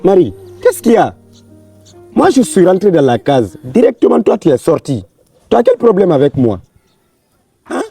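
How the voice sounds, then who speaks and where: A man's voice: high-pitched, wildly swooping pitch, moderate pace, creaky, long pauses, dark tone, slightly rough, recorded from a distance, soft background music, heavily acted. A man playing an older brother who keeps apologizing and coaxing his little sister, in a comedy film. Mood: pleading. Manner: pleading, coaxing.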